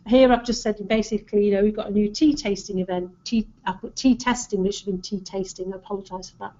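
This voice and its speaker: A woman's voice: medium pitch, fairly even intonation, quick pace, warm tone. A woman with a Lancashire accent giving an informal marketing presentation, advising in an encouraging, conversational way. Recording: dull, lo-fi audio.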